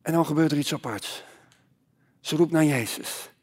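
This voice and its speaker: A man preaching a sermon as pastor, moving between loud exhortation and hushed, quiet passages. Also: a little high, moderate pace, slightly rough.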